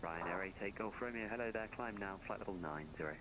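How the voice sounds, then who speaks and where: A man working as an air traffic controller, giving clipped radio instructions while his mic keeps cutting out, so his volume comes and goes. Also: fairly low pitch. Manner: brisk, routine, fumbles briefly when searching. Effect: mic keeps cutting out, uneven volume. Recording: lo-fi noisy radio line.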